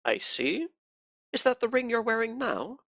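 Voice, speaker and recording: A man voicing a softly polite, menacing inquisitor in a tabletop game, formal and courteous as he interrogates. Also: very high-pitched, very animated, moderate pace, gravelly, voice pushed up, full character voice. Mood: politely probing.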